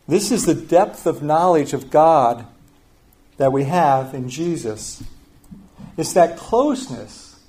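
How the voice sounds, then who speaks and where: An older man preaching a sermon as pastor, telling a family story in a conversational way and often dropping to a soft, quiet voice. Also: a little high.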